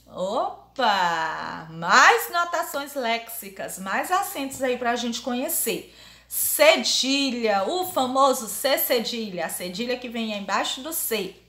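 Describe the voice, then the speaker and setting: A fairly high, bright-voiced woman teaches young children a grammar lesson. She has a Brazilian accent and repeats each example word slowly and clearly. Her voice rings around an echoey room. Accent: Brazilian Portuguese. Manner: drills words aloud, repeating them slowly. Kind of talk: primary school grammar lesson.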